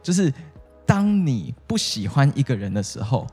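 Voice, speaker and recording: A man with a Taiwanese Mandarin accent co-hosting a podcast that teaches English, chatting playfully and spelling words out slowly. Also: mid-range voice, sing-song, mellow, husky, faint music behind. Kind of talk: casual bilingual chat.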